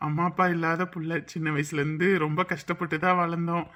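A woman in a family drama, talking gently and reassuringly. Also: deep voice, little pitch movement, fast talker. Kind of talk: dubbed family serial drama.

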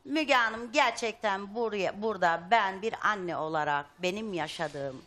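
A woman's voice: mid-range voice, a little slow, fairly bright tone. A middle-aged woman, a mother on a talk show, speaking in a pleading and soothing way. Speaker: mother of the guest. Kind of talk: emotional plea on a talk show. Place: TV studio.

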